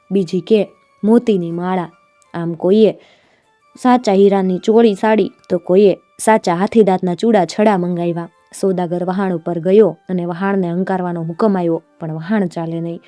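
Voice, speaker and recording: A woman narrating a folk tale in an unhurried, plain storytelling manner. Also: on the low side, warm tone, dry recording.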